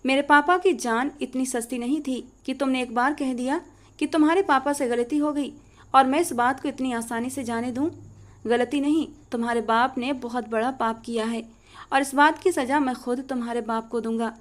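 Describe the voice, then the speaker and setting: A woman's voice: on the high side, moderate pace, lightly acted. A woman voicing a ruthless vengeful landlord man. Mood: enraged. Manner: menacing, commanding.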